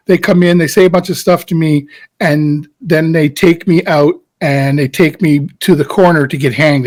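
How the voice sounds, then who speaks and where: Brief: middle-aged male actor, high-pitched, lively storyteller who jumps into frantic re-enactments. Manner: storytelling, acts out his own past reactions in a high frantic voice. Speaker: guest actor. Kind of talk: animated anecdote in a casual interview.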